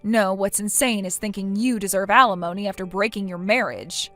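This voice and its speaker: A woman's voice: medium pitch, fairly quick, a bit bright, faint music behind, natural voice. A synthetic female voice playing a blunt friend who lectures in a stern tone. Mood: scolding.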